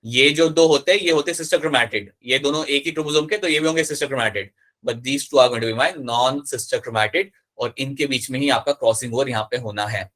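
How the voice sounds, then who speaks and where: A man's voice: mid-range voice, a little fast, a bit bright. A man teaching biology in a live online class, explaining step by step, repeating key terms and checking that his students follow. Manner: switches between Hindi and English mid-sentence.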